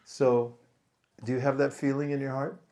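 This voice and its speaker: A man giving a spiritual talk to a gathering, speaking slowly and deliberately and pausing for his translator. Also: mid-range voice, flat delivery, mellow. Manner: slow, deliberate, leads group chanting. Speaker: visiting speaker.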